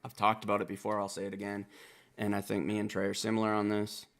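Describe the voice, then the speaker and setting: A man with a lowish, gravelly voice reacts to a rap album as a reviewer. He talks casually and swears freely, digging into the lyrics with a self-described country boy's enthusiasm. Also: fast. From Wisconsin. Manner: animated, profane, self-styled country boy breaking down lyrics.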